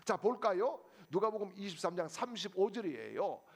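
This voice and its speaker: Animated, gravelly-voiced male preacher. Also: sits high, normal speed. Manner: animated, rhetorical questions to the congregation. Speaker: pastor. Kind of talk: sermon.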